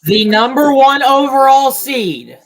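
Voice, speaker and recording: A young man co-hosting a podcast, casually reacting out loud to a sports broadcast and blurting out results. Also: very high-pitched, lively intonation, slow pace, rough recording. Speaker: podcast co-host.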